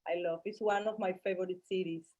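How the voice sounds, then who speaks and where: A woman from Colombia, a native Spanish speaker with a Colombian accent, chatting as an interview guest in halting, repeated short phrases. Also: fairly low pitch, steady tone, darkish tone, highs cut off. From Barranquilla, Colombia. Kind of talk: casual interview chat.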